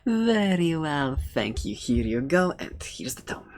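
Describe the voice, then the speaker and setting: For this ASMR roleplay, the performer's furry animal shopkeeper speaks softly and haltingly, often near a whisper, doting with an edge of menace. The mid-range voice swings widely in pitch and sounds friendly.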